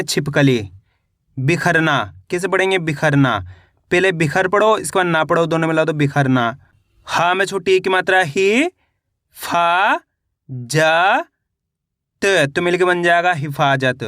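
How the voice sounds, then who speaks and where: A man's voice: high voice, fairly bright tone, no echo, clean studio sound. A man teaching children to read, sounding out each word syllable by syllable and repeating it patiently. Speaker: Hindi reading teacher. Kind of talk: slow spelling lesson, syllable by syllable.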